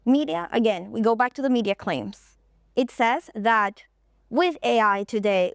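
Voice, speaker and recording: On a conference stage, a woman from Colombia, a native Spanish speaker, lays out her points one by one in an explanatory manner. She has a smooth, clear voice at a middle pitch, and the sound is close and dry without room echo.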